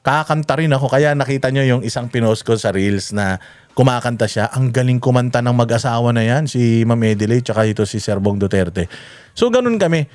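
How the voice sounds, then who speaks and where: A man with a Filipino accent telling stories in a casual vlog, animated and full of fillers and restarts. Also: medium pitch, fairly quick, no room sound. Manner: animated, many fillers and self-corrections. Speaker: vlogger. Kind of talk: casual storytelling.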